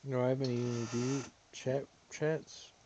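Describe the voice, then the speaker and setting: A man's voice: mid-range voice, flat delivery, unhurried, dark tone, slight background noise. Crude, teasing male streamer. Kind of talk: casual gaming stream chat.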